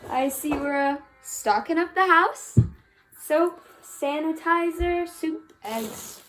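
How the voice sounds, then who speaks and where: A woman's voice: high voice, takes it slowly, a bit bright, soft background music, rough recording. A woman acting a chatty, awkward young store cashier in a stage monologue, bubbly and hesitant with nervous restarts. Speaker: student actor.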